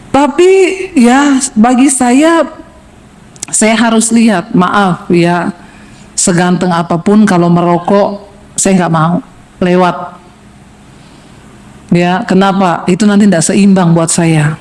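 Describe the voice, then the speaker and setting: A middle-aged woman pastor from Sulawesi preaching a sermon, lively and humorous, teasing the congregation and swinging between high exclamations and low asides. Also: slow pace, pauses often.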